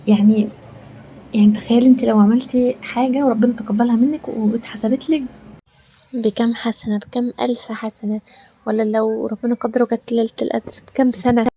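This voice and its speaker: A woman's voice: a little high, warm tone, a little hiss or hum. A woman with an Egyptian Arabic accent, hosting a casual cooking vlog from her kitchen, talking in an earnest, rambling way and now and then dropping to a whisper. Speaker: cooking channel host. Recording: dull lo-fi sound with faint room ambience.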